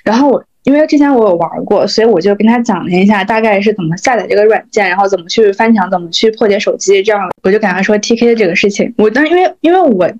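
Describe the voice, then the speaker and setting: A woman co-hosts a casual podcast chat, telling her stories in a quick, chatty way. The audio is dull and lo-fi. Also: medium pitch, lively intonation, a little mellow. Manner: chatty storytelling with laughs. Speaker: podcast co-host.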